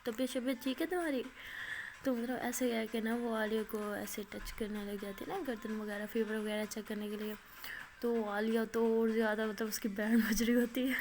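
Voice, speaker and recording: A woman's voice: a little high, level tone, moderate pace, a little mellow. A woman narrating a love story in casual talk, chatty and full of filler words.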